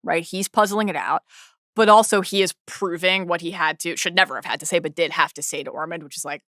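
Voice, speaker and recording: A woman co-hosting a podcast, recapping a TV episode quickly and enthusiastically, often restarting sentences. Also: on the low side, a bit bright, dry recording, studio quality. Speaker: podcast co-host. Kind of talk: casual TV recap chat.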